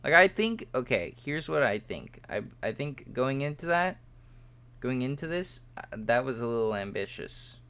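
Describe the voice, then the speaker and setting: A man's voice: sing-song, normal speed, sharp tone. A young man streaming live, rambling and joking at himself as he talks to his viewers while he models in 3D. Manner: yawning, low-key late evening.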